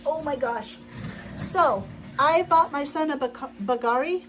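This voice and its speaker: This is a middle-aged woman's casual sewing-room livestream, full of rambling, restarts, and laughter as she stitches at home. Her voice is high and her pace measured, with slight background noise and poor audio overall.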